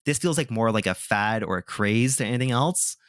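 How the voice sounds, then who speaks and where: Animated and brisk, this man's fairly low, slightly bright voice comes through a dry, clean studio recording. He hosts a gaming podcast, chatting casually, sharing opinions and using many fillers.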